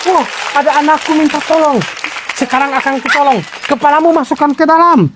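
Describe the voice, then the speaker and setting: Man, young dad type, high voice, chuckly and patient, coaching a toddler outdoors; heavy background noise. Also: a little fast, over a noisy crowd. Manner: chuckling, patient, repeats instructions. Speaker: father and vlog host. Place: outdoor playground ride.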